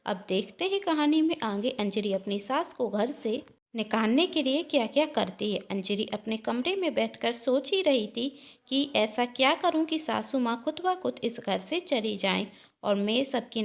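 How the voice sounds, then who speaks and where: A woman hosting her channel and reading a family story aloud in a clear, steady voice. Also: on the high side, moderate pace. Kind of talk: scripted story narration.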